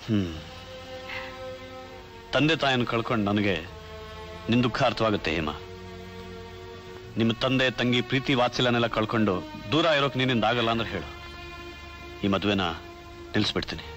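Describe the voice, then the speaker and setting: An actor playing a devoted young lover who speaks softly and earnestly. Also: male voice, mid-range voice, normal speed, pauses often, lightly acted. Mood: tender. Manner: soft, tender, earnest. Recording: film soundtrack with music under. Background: film score music.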